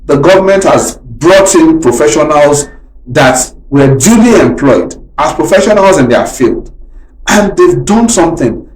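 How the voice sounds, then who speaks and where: A man's voice: on the high side, animated, measured pace, a little mellow, far from the mic. Earnest Nigerian man in a roomy studio. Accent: Nigerian English. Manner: earnest, hesitant, with frequent restarts. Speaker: local government chairman, studio guest. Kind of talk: radio interview.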